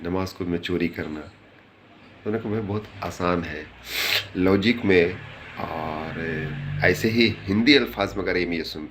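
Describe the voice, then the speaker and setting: A man's voice: sits low, fairly bright tone, slight background noise. A man giving an informal religious talk, earnestly explaining points and repeating phrases for emphasis. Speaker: speaker giving religious advice.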